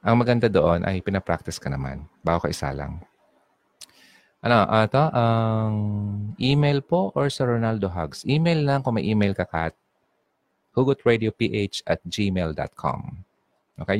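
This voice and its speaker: With a lively, fairly low voice at normal speed, a young online radio DJ from Bicol, Philippines chats in mixed Tagalog and English on his casual call-in program, reading out messages from listeners in a Bicolano accent. The recording is dry.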